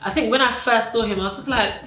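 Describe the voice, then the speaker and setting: A woman's voice: fairly high pitch, quick pace, fairly bright tone, faint music behind. A woman in her twenties answering documentary interview questions in a reflective, casual way with many fillers. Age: 20s. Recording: echoey room with faint noise.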